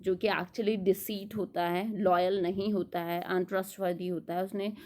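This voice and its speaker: A woman with a mid-range voice gives a literature lecture for exam students. She explains in Hindi and reads English summary lines slowly and deliberately. She often asks a question and then answers it herself. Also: medium pitch, level tone, warm tone. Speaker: literature teacher.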